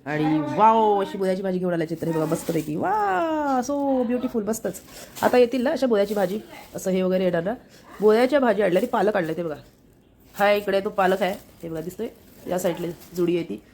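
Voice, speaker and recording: A woman's voice: mid-range voice, fairly quick, darkish tone. A woman with a Marathi accent, chatting casually to the camera as she shows things around her family home. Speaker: vlogger. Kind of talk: casual family vlog narration.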